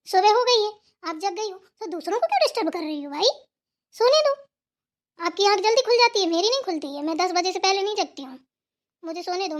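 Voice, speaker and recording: A woman voicing a lazy, spoiled young daughter-in-law who talks in a whiny, defiant way. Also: extremely high pitch.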